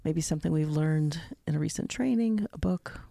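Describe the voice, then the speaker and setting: A woman's voice: low voice, normal speed, creaky, mellow, dry recording. A woman co-hosting a podcast in casual discussion, with a dry, organizing manner. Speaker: podcast co-host, psychotherapist.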